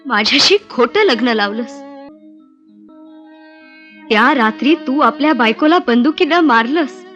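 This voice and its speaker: A woman's voice: sits high, fairly bright tone, lo-fi sound, heavily acted. An actress playing a woman possessed by the spirit of a murdered devadasi, tearful and wailing in a film drama. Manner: wailing, tearful and rising to cries.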